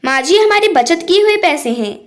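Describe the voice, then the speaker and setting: A woman voicing a gentle, forgiving young daughter-in-law in a storybook tale. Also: extremely high pitch, animated, moderate pace, voice pushed up. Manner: soft, forgiving.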